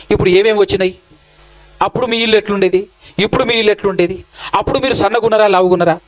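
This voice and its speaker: A man with a Telangana Telugu accent preaches a sermon in a high voice, firing questions straight at his congregation. He scolds and teases them in turn. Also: poor audio. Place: church hall.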